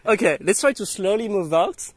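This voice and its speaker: Walking along a dirt hillside path outdoors, a young man who speaks French natively films with a handheld camera and chats in a giggly, coaxing way, laughing a lot. His voice sits high and sounds husky, with no echo in the recording.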